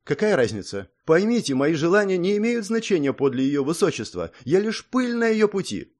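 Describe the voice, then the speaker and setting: A man voicing an emotional young female attendant in an audiobook, in a pitched-up, shrill voice. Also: brisk, close to an everyday voice. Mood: distraught. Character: distraught young woman attendant, emotional and proud.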